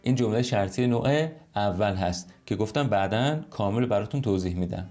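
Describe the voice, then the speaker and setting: A man teaching an online English lesson in Persian, explaining patiently and slowing right down to model English sentences. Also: on the low side, warm tone.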